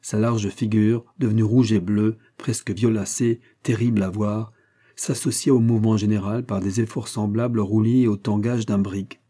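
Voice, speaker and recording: A man reading a classic novel aloud as audiobook narrator, measured and literary. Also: lowish voice, flat delivery, dark tone. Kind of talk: scripted narration.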